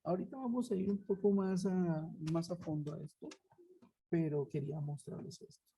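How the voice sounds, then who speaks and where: A woman with a fairly low, mellow, slightly rough voice speaks at normal speed with a steady tone, teaching an English grammar class over a web conference. She explains step by step and checks in with her students during this online lecture, captured roughly through a headset or laptop mic.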